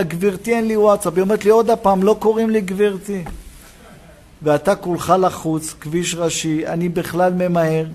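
A rabbi preaching a sermon in a synagogue, telling a personal story and acting out the dialogue. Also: male voice, high voice. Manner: animated storytelling, acts out dialogue.

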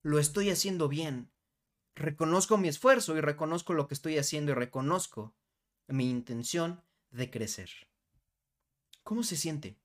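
A man's voice: fairly high pitch, animated, moderate pace. A young adult man, hosting a motivational podcast in a conversational way, often checking in with "¿vale?" and guiding the listener through affirmations. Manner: warm conversational, frequent "¿vale?" and "¿no?" tags. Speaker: podcast host.

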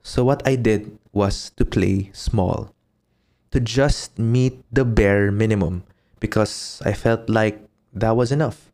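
A man's voice: lowish voice, fairly even intonation, slow pace, a little mellow. A Filipino man with a native Tagalog background hosting a reflective solo podcast, switching between Tagalog and English as he talks. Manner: mixes Tagalog and English (Taglish). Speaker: podcast host.

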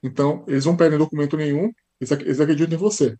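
Husky Brazilian man telling his story. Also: a little high, very fast. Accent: Brazilian Portuguese, São Paulo. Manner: lively anecdotal telling, frequent tag questions. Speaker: podcast guest, high school teacher. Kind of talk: casual interview storytelling.

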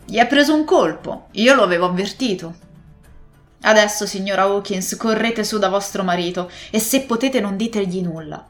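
A no-nonsense country doctor, read by a woman storyteller, curt and firm with a dry edge. He speaks in an even, middle pitch, a little louder than the narration. Faint music lies under the audiobook. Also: lightly acted. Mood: brisk. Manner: brisk and dismissive. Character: stern, dry-witted male country doctor.

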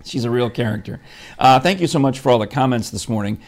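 A man hosting a morning talk show, chatting in a loose, rambling way. His voice has a gravelly, fry-touched texture, and he sits at an ordinary middle pitch. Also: expressive, fast, darkish tone. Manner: chatty, rambling with fillers and restarts. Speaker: show host. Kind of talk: casual morning chat.

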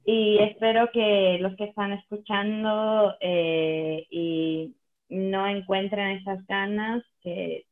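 A woman's voice: mid-range voice, fairly even intonation, slow pace. A woman from Latvia, a native Latvian speaker, chatting casually in non-native, foreign-accented Spanish and searching for words. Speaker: athlete guest. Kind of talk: casual conversation. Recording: thin phone-like call audio.

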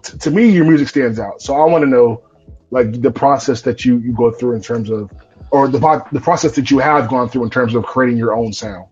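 On a lo-fi live stream with faint music behind him, a young North Carolina podcast host chats through an interview full of fillers and restarts. He talks a little fast in a medium-pitched, slightly mellow voice.

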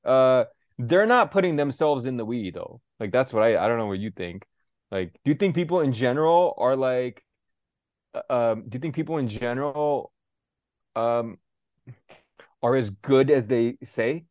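A young man, a podcast co-host, chats casually with an animated, mid-range, slightly mellow voice. He is blunt and profane, ranting in fast-shifting bursts full of fillers. The recording is dry and studio-clean.

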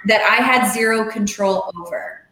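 A middle-aged woman talking casually as a podcast guest, animated, acting out the voices she quotes. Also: medium pitch, normal speed, roomy sound, poor audio. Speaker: podcast guest, real estate investor and coach. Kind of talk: casual interview chat.

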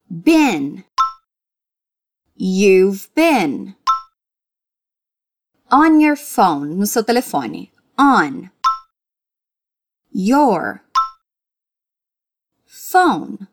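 A woman with a Brazilian Portuguese accent, teaching English in a podcast lesson and drilling phrases word by word with clear, careful pronunciation. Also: on the high side. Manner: slow, clearly enunciated drilling that breaks phrases into single words. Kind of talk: podcast language lesson with repeat-after-me drills.

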